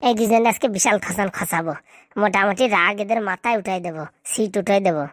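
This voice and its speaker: A woman's voice: medium pitch, fast, no echo, studio quality, lightly acted. A woman voicing a mischievous young male prankster in a Bengali cartoon, speaking with a Bengali accent and making teasing, scheming asides to viewers. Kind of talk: comic cartoon voice acting.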